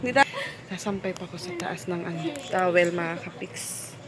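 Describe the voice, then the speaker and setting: A woman's voice: fairly low pitch, lively intonation, moderate pace. Chatty woman vlogging over noise. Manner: chatty, polite, addresses viewers directly. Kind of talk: casual vlog narration.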